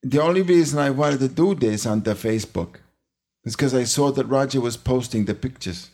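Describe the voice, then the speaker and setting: A man's voice: medium pitch, brisk, a little mellow, voice pushed up, lightly acted. A man putting on the voice of a fussy older woman from a TV ad, in a sing-song, fussy way. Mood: mock-fussy.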